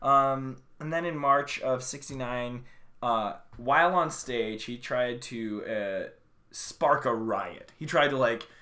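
A man's voice: mid-range voice, slow, bright, forceful tone. A man in casual podcast chat, joking and laughing, with lots of fillers.

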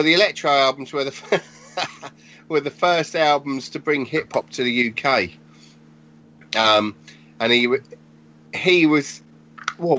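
A man in his forties talks in a loose, animated way, swearing casually as he tells stories. It is a relaxed podcast chat. The audio is somewhat dull and lo-fi. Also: medium pitch. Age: 40s. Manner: animated storytelling, swears freely. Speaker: podcast guest, graffiti artist.

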